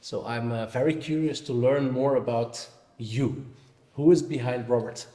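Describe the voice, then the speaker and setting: A man's voice: mid-range voice, steady tone, unhurried, dark tone. A Belgian man hosting a conference interview, asking questions in a friendly, chatty way. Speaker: interviewer, host. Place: conference venue, echoey hall. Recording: echoey conference hall.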